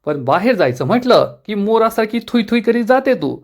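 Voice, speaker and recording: A sharp-tongued old grandmother who grumbles and taunts, read out by a man. She sounds a touch high and scolds in a quick, nagging rhythm as her lines are retold from a TV serial. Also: big pitch swings. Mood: scolding.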